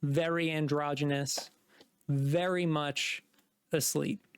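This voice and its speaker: A man's voice: a little high, steady tone, slow pace, clear, resonant tone, dry recording. A man narrating a tabletop game as game master, describing scenes with many likes and restarts. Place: home streaming setup.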